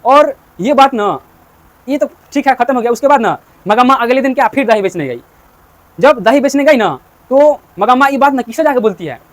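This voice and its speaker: A man's voice: very high-pitched, expressive, a little fast. A man teaching a story to students, asking and answering his own questions and repeating points.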